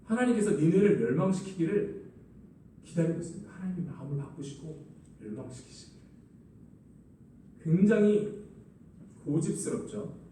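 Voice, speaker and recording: A man's voice: fairly high pitch, animated, moderate pace, long pauses, dark tone, recorded from a distance, a little hiss or hum. A man preaching a sermon as a pastor, acting out the lines he quotes. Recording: echoey hall, voice from afar.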